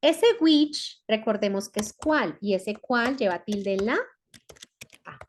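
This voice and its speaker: A woman's voice: mid-range voice, lively intonation, slight background noise. A woman teacher from Colombia, explaining a lesson step by step and often checking in with her students. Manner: slow, repeats words and checks with "¿listo?". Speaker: English teacher.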